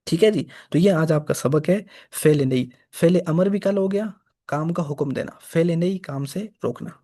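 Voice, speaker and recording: Guy teaching quran grammar, says every example twice, kinda high but mellow voice. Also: normal speed. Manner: patient, repeats each example. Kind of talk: grammar lesson.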